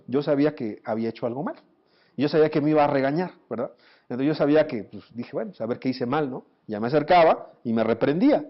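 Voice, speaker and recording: A pastor preaching a sermon, animated, asking his listeners rhetorical questions. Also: a little high. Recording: dull lo-fi recording.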